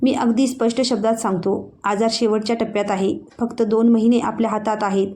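A woman's voice: fairly high pitch, steady tone, fairly quick, mellow, lightly acted. A woman reading a grave, blunt doctor. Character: grave middle-aged male doctor, blunt. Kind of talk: storybook narration.

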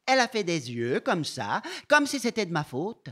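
A man's voice: high-pitched, very animated, normal speed, a bit bright, full character voice. An actor playing a sulky seven-year-old girl who keeps insisting she did nothing wrong, in a whiny, repetitive stage monologue. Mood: defensive, sulky. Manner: whiny, defensive, repeats herself. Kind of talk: stage monologue performed live.

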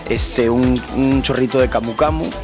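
Young man, restaurant owner, halting, restarts often, music in the background. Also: medium pitch, steady tone. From Argentina, raised in Peru. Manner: hesitant, many restarts, describes dishes. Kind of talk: casual interview. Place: indoor restaurant, seated at a table. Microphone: host's handheld mic.

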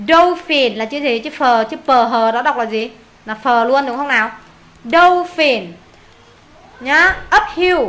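A woman teacher with a Vietnamese accent, running an English pronunciation lesson and repeating words slowly for pupils to echo. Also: high voice, pushed and bright, slight background noise.

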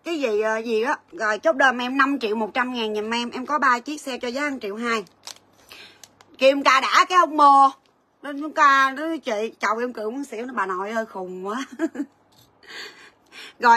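Bright-voiced chatty woman selling gold. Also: sits high, dry recording. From Vietnam. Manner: chatty, rapid price calls, storytelling asides. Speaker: gold shop livestream seller. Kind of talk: livestream sales chat.

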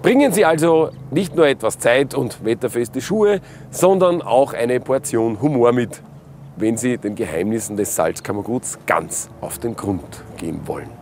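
A man's voice: medium pitch, lively intonation, normal speed, background noise. A man hosting a travel documentary, teasing and theatrical as he presents and narrates. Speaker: documentary host. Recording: background music.

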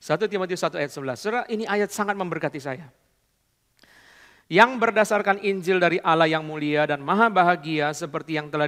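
A male pastor preaching a sermon, swinging from quiet murmurs to loud exclamations as he addresses the congregation. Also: on the high side. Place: church hall. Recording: long church reverb.

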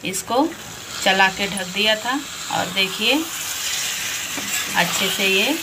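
In a home kitchen, a woman hosts a cooking channel, talking slowly in a mid-range voice as she patiently walks through each recipe step over a frying pan. She keeps saying "dekhiye" to point things out. Loud sizzling and stirring from the pan run under her voice.

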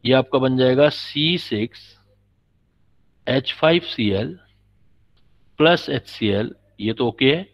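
A man's voice: medium pitch, animated, takes it slowly, pauses often. A man teaching a chemistry class, patiently explaining and quizzing his students. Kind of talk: classroom lecture. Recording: dull lo-fi recording.

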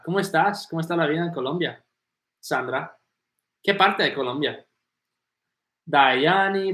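A man's voice: fairly high pitch, fairly bright tone. A man teaching English on a livestream, greeting viewers by name and moving between Spanish and English. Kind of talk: live Q&A, reading viewer comments. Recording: echoey room.

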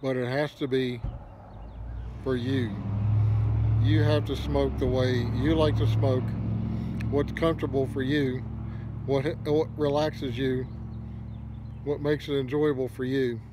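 An older man speaks at an average pitch with a pipe clenched in his mouth. His talk is casual and meandering, like unscripted advice to viewers. A faint hum of noise sits behind him. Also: flat delivery, slow, long pauses. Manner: easygoing, rambling, advice-giving. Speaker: pipe smoking video host. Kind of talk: casual unedited monologue to camera.

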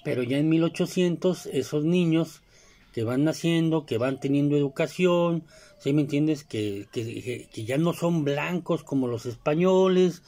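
This commentator, a man with a Mexican Spanish accent, has a warm, fairly high voice and speaks a little slowly. He rambles casually, full of fillers and asides, and keeps asking "you know?"

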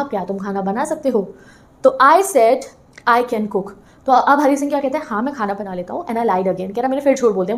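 A young woman teacher reading English lines slowly and explaining each one casually. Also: on the high side. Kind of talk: line-by-line English lesson explained in Hindi.

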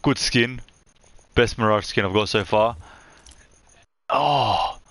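A young man streaming live from his room on a headset mic, chatting excitedly as he opens game loot. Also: lowish voice, slow pace, no echo. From Australia.

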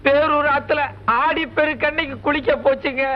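A sly young trickster. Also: male voice, very high-pitched, level tone, normal speed, a little hiss or hum. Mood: tearful. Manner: wailing, pleading. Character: sly young man faking tearful grief. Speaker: lead character in a film comedy. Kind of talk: 1980s film acting. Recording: muffled old film soundtrack.

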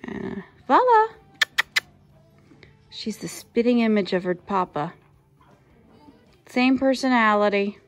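A woman in her thirties giving a casual tour of her small farm, introducing each animal in a friendly, unhurried way, filmed on a handheld phone in a barn and outdoors. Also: fairly high pitch, sing-song, faint music behind. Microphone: handheld phone camera.

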